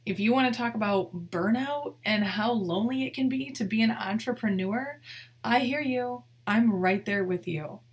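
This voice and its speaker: A woman's voice: mid-range voice, husky. A young adult woman hosting her own podcast as a wedding photographer, talking straight to her listeners in a heartfelt, earnest way. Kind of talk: solo podcast monologue.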